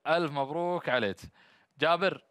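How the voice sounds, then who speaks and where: Hosting a TV phone-in quiz, this man with a Gulf Arabic accent banters with callers and encourages them with blessings. His slightly high, fairly quick voice sounds a bit bright, clear and resonant, captured dry and studio-quality on a headset mic. The small studio set is dressed as an instrument shop.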